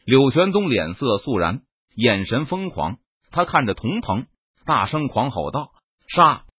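A man narrates a fantasy battle as an audiobook, pressing hard on every clash. His voice is husky and rises and falls widely. The recording sounds dull, dry and close. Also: mid-range voice, very animated, unhurried, no echo. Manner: dramatic, emphatic delivery of action scenes. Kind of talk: dramatic novel narration.

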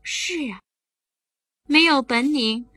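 A woman's voice: sits high, slow pace, bright, forceful tone, no room sound, heavily acted. A woman doing a scolding mother. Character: scolding mother, exasperated but fond.

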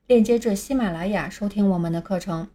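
Female teacher for a beginner pronunciation lesson. Mellow, even delivery, patient, reads new words slowly and spells them out. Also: mid-range voice, a little hiss or hum. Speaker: English teacher.

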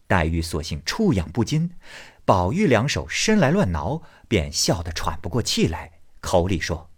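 A man narrating a classic novel aloud as a storyteller, voicing the characters with an expressive delivery. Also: deep voice, a little slow, breathy edge.

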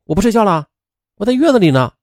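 A man's voice: high voice, sing-song, fast talker, darkish tone, no echo, clean studio sound, pitched above the performer's own voice. Man playing a curt, demanding young mother. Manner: brusque, refusing.

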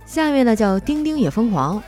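Playful woman host with lively pitch. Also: a little fast, faint music behind. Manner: playful, teasing, self-mocking asides. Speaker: radio-style host reading listener jokes. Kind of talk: comedic joke reading and banter.

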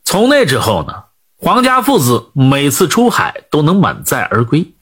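A man telling a folk tale in an animated, conversational storytelling manner. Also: a little high, measured pace, husky.

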